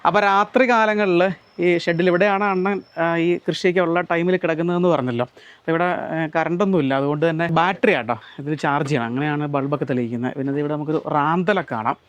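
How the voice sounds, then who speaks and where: കേരളത്തിൽ നിന്നുള്ള ഒരു പുരുഷൻ, മലയാളി ഉച്ചാരണത്തോടെ, ഒരു കൃഷിയിടത്തിൽ നിന്ന് ക്യാമറയോട് സംസാരിച്ച് കാഴ്ചകൾ വിശദീകരിക്കുന്ന vlogger. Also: male voice, on the high side, fast talker, no room sound, highs cut off. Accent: Malayali. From Kerala. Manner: chatty, explains to viewers and mixes in Tamil words. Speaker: vlogger. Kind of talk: casual walk-through vlog. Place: outdoors on a farm.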